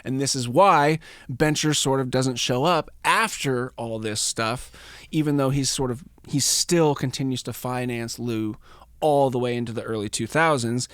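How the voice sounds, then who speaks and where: A man's voice: mid-range voice, normal speed, a bit bright, clean tone, dry recording. A man hosting a podcast, telling a story in a casual, profane, rambling, jokey way. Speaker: podcast host.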